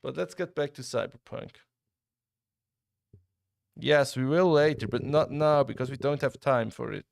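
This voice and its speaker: Chatting relaxedly with his stream's chat, a young man from Switzerland gives casual commentary on the game he's playing live, frequently starting sentences over. His mid-range, creaky voice keeps a measured pace with long pauses. The sound is clean studio audio with no echo.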